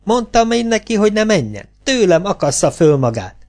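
A jealous, hot-tempered young actress with a pitched-up, shrill voice that flares quickly into indignation, as a man reads her lines. She snaps and protests, loud and wounded. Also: very animated, soft background music. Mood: scornful.

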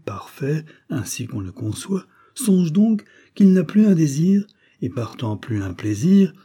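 A man's voice: medium pitch, mellow, husky. A man voicing a scornful, ranting atheist who mocks the idea of progress, declaiming fiercely.

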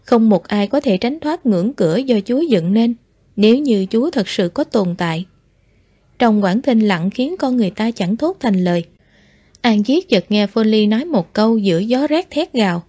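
A woman narrating a novel as an audiobook in a measured, soft delivery. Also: fairly high pitch, expressive, breathy edge, no room sound. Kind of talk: scripted story narration.

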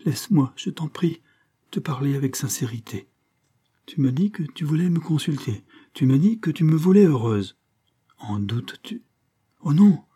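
A frightened nineteen-year-old daughter, voiced by a male audiobook reader, pleading and then flatly refusing. Her voice sits a little higher than a man's usual register, with a soft husky edge and a mellow, dark tone. The delivery is imploring and earnest. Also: moderate pace. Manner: imploring, rising to emphatic refusals. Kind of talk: audiobook character reading.

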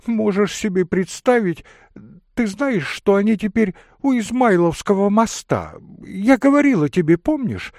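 A man's voice: sits high, very animated, unhurried, a little mellow, no room sound, studio quality, voice pushed up, exaggerated voice. A man reading a novel aloud, voicing a flighty, breathless lady who chatters and gushes. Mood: gushing. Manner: chirping, breathless, gushing. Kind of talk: audiobook character reading.

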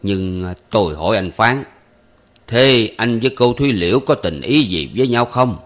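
An unhurried, measured older gentleman, as a male narrator plays him, speaking in a lowish voice with a cool, mildly ironic calm.

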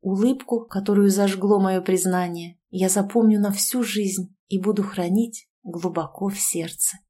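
Female audiobook narrator, first-person fantasy romance; gentle and even, mid-pitched. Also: measured pace, breathy edge.

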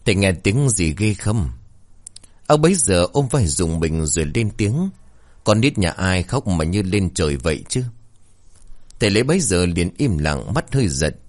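A man's voice: low voice, darkish tone, dry recording. A male storyteller narrating a village ghost tale in a dramatic, suspenseful way. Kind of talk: scripted horror story narration.

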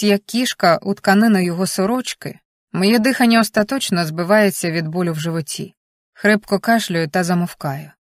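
A young adult woman narrating a romance audiobook with an expressive, emotional reading. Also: medium pitch, no echo, clean studio sound. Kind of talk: scripted narration.

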